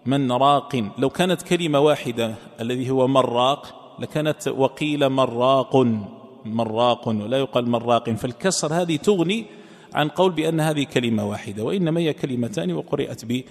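Male exegesis teacher, patient explainer, recites verse slowly and repeats key phrases; long hall reverb. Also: mid-range voice. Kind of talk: religious lesson.

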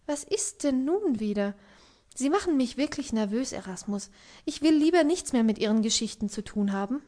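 A busy young hostess, read by a woman in an audiobook. She speaks quickly and lightly in a fairly high voice, warm but rushed. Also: natural voice. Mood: irritated. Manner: hurried, lively and tired.

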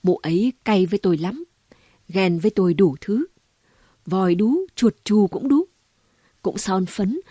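A woman reading an audiobook voices a gossipy, sharp-tongued city woman who talks in quick exclamations and mockery. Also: medium pitch, breathy edge, no room sound, clean studio sound. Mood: scornful. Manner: chatty, mocking, full of exclamations.

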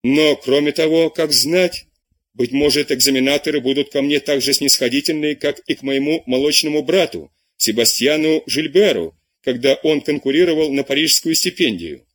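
A man voicing a timid seventeen-year-old pupil who begs and apologizes to his tutor, with a husky voice. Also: a little high, moderate pace, close to an everyday voice. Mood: persuading. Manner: begging, apologetic.

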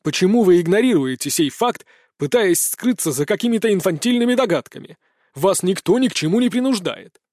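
Man voicing a gruff aristocratic father. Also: high voice, lively intonation, a little fast, darkish tone, no echo, clean studio sound, pitched above the performer's own voice. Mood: angry. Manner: blustering, then cold and threatening. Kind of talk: audiobook character voice.

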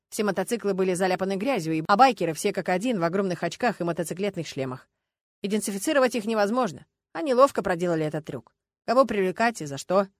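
Brief: woman narrator voicing a tired male police lieutenant, brisk matter-of-fact delivery. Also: mid-range voice, no echo, clean studio sound, lightly acted. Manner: measured, matter-of-fact, sighing officialdom. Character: male traffic police lieutenant, dry, weary, ironic. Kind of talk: audiobook character reading.

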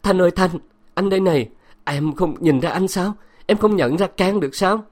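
A man voicing a desperate young lover who pleads and nearly shouts. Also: sits high, normal speed, pitched above the performer's own voice. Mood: pleading.

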